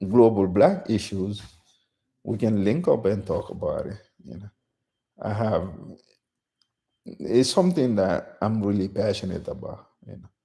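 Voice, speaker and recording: Gravelly low-voiced man from Guinea. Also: mellow. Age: middle-aged. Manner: unscripted, many restarts and "you know". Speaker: channel host. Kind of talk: casual solo live stream.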